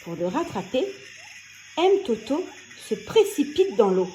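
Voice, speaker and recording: Brief: expressive female narrator reading a children's tale aloud, high and animated. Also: unhurried, a little hiss or hum. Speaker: storyteller. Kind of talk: children's story read aloud.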